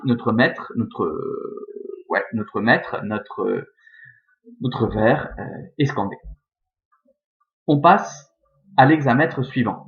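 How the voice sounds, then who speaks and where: A male teacher giving a recorded lesson on scanning Latin verse, working methodically step by step and often adding "hein" and "euh". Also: mid-range voice. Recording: dull, lo-fi sound.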